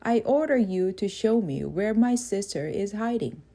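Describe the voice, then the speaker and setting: A woman voicing a mischievous, lively young boy in a storybook reading, eager and excited. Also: medium pitch, moderate pace.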